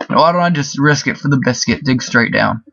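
A man talks his way through a let's-play in an easy, rambling manner, leaning on fillers as he goes. The recording is dry and close with no room sound, and a little muffled. His pitch sits in an ordinary middle range. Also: a little fast, creaky, sharp tone, no room sound. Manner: chatty, rambling, full of fillers. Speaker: gaming video host. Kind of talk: casual let's-play commentary.

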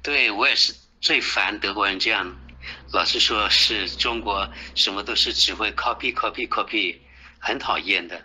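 A man's voice: fairly low pitch, normal speed, bright, forceful tone, breathy edge, poor audio. A man hosting a casual chat, agreeing with his guest and complaining. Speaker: host.

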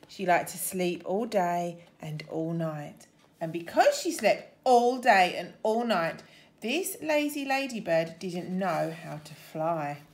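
A woman head teacher reading a picture book aloud to children in an expressive, sing-song way. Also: medium pitch.

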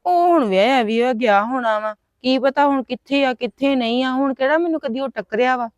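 A woman's voice: sits high, brisk, no room sound, natural voice. A woman playing a shy woman confiding a crush. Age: 20s. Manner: hesitant, pleading. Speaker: elder daughter. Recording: dry, dull lo-fi sound.

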